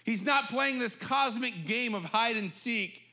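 A man in his thirties, a pastor preaching a sermon on a church stage into a handheld mic, animated and conversational. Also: very high-pitched, unhurried. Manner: animated, gesturing while preaching; conversational, repeats words when restarting. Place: church stage with big screen.

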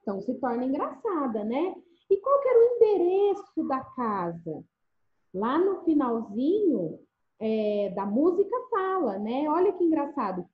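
A high-voiced woman teaches small children, her pitch swooping up and down in a coaxing, sing-song way. The sound is dull and lo-fi, with an echoey room around her. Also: sing-song, unhurried. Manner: sing-song, coaxing, with frequent checks for agreement. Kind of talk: remote first-grade lesson.

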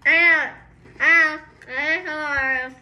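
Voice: high-pitched, steady tone, very slow, dull audio. A child taste tester giving short, blunt verdicts while talking through a mouth full of cookie. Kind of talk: casual family video. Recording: home video with clear background noise.

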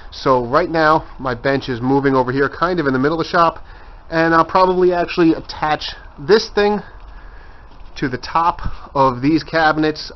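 Man, 30s, woodshop vlogger; chatty walkthrough, on-camera mic, dull lo-fi audio. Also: mid-range voice. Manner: chatty, points things out as he walks. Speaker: woodworker giving a shop tour. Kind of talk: casual handheld walkthrough. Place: cluttered home woodshop, indoors. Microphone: handheld camera mic.

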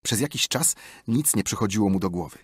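A man narrating an audiobook with expressive, lively storytelling. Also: fairly low pitch, brisk, breathy edge, dry recording, studio quality. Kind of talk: scripted narration.

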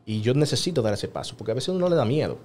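A man talks quickly and earnestly in a relaxed podcast chat. He slips into other people's voices as he retells what happened, at a mid pitch, with a faint hiss of room noise behind him. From New York-based. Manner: earnest, fast, acts out other people's words while telling the story. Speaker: podcast guest, single father. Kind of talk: casual interview storytelling.

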